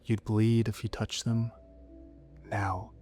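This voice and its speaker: A seductive, menacing demon woman from a horror tale, acted out by a man in a low voice. The speech coaxes in cryptic lines and slips toward whispers. Music plays underneath. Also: little pitch movement. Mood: hypnotic, inviting. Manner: slow, coaxing, cryptic speech with soft whispered turns. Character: seductive, menacing female sleep paralysis demon, coaxing and cryptic.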